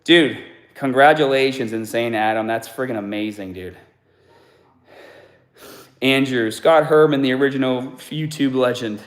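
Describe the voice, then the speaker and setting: A man's voice: mid-range voice, unhurried, pauses often. Kinda sick winded guy reading chat between sets, laid back, lotta sighs, roomy echo. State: slightly sick and out of breath. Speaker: fitness channel host. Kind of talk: casual live-stream chat while working out. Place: home gym.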